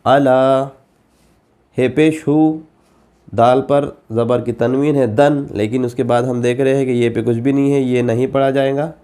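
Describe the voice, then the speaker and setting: A man teaching Quran reading, spelling syllables slowly one by one and then explaining the rules in quicker asides. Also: mid-range voice, steady tone, mellow. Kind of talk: slow letter-by-letter spelling lesson.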